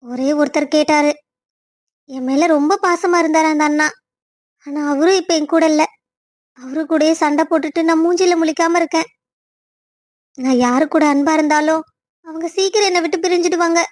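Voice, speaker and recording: A woman's voice: high-pitched, steady tone, moderate pace, pauses often, no room sound, lightly acted. A woman voicing a despairing young woman in a cartoon love story who talks through tears and turns defensive. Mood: tearful. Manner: tearful, defensive.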